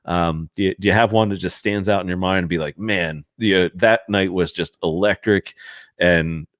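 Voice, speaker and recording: A man with a very low voice hosting a casual chat over a video call. He is upbeat but asks his questions in halting bursts, recorded dry and close. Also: fairly bright tone, no room sound.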